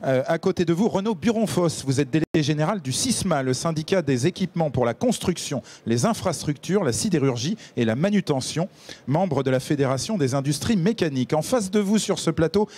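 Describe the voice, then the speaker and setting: A man's voice: on the high side, expressive, a little fast, darkish tone, breathy edge. A man hosting a televised panel debate, formally introducing each guest with his title. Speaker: debate host. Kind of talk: broadcast panel moderation. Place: TV studio set.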